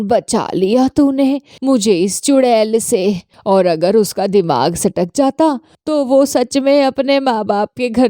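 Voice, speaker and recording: A woman voicing a grumbling elderly mother-in-law who complains in a lower, softer voice. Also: dry recording, clean studio sound.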